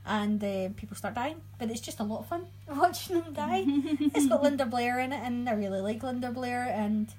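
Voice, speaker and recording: A chatty woman co-hosts a casual chat, her voice a little high and slightly breathy. She keeps talking and often hunts for the right word. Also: moderate pace, darkish tone, poor audio. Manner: chatty, laughs often, loses her words. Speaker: podcast co-host. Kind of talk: casual chat about horror movies.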